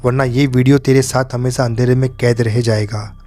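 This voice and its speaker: A man playing a terrified young man who shouts in trembling defiance at a ghost in a horror story. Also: medium pitch, little pitch movement, normal speed, natural voice. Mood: desperate.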